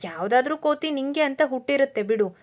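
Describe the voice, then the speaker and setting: A woman's voice: sits high, expressive, brisk. A woman voicing a young man, a loyal best friend who talks in a breezy, coaxing, teasing way in a storybook reading.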